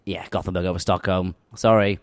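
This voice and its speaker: A man's voice: low voice, fairly even intonation, a little fast, dry recording. A man from the north of England with a Yorkshire accent, a head brewer chatting as an interview guest, laughing often and restarting his sentences. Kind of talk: casual interview chat. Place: brewery tap room.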